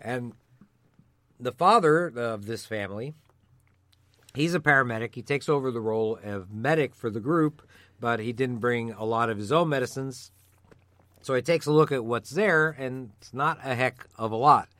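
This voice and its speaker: Middle-aged male co-host, gravelly with a slight cold, medium pitch, measured explainer, close dry recording. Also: fairly bright tone, no echo. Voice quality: gravelly voice from a passing illness. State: mildly hoarse with a cold. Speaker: co-host of a survival medicine show. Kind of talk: explanatory conversational talk.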